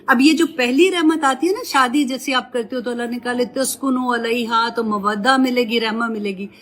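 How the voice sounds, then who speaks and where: A woman Quran teacher giving gentle, motherly religious advice and mixing English words into her talk. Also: a little high.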